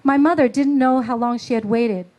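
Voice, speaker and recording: A woman author slowly reading her own prose at a book launch, after a halting, filler-filled introduction. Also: on the high side, a little mellow, dull audio. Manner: halting, filler-heavy speech between readings; slow, measured literary reading.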